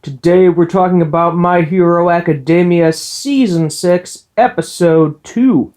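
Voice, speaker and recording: A man's voice: a little high, a little mellow. Rambling man recapping an anime episode. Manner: rambling, lots of ums and uhs, occasional laughs. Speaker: anime reviewer.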